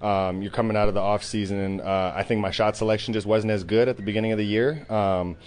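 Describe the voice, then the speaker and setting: A young man, a basketball player, answering postgame interview questions in a soft-spoken way with many "um" fillers. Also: lowish voice, steady tone, fast talker.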